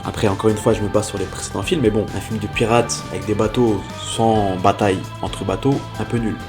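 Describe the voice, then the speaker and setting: A man's voice: lowish voice, steady tone, fairly quick, over music. A man reviewing films in a casual, blunt monologue, ranting with slangy exasperation. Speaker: film reviewer. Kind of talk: casual film critique monologue.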